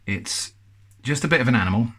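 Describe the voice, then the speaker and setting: A man's voice: medium pitch, animated, a little fast, fairly bright tone. An English man hosting a casual food review, chatty and thoughtful with a self-deprecating touch.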